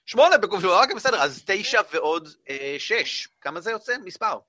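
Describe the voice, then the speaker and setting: A man running a tabletop game as game master, narrating with many fillers and lively storytelling. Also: high-pitched, dry recording, clean studio sound.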